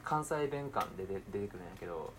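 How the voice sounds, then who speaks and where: A young man with a Kansai accent talking casually to himself while cooking, swinging between quiet mumbling and excited outbursts. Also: fairly low pitch, quick pace, a little hiss or hum. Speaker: podcaster.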